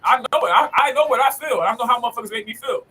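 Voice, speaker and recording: A woman hosting a casual podcast chat, animated and profane, often checking that she is understood. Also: a little high, quick pace, a faint crowd. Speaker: podcast host.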